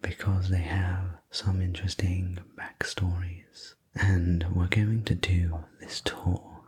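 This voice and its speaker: Slow whispered role-play, male sleep story narrator. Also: low voice, little pitch movement, darkish tone. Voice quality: breathy, unvoiced whisper. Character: courteous male head servant guiding a manor tour. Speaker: sleep story narrator playing a household servant guide.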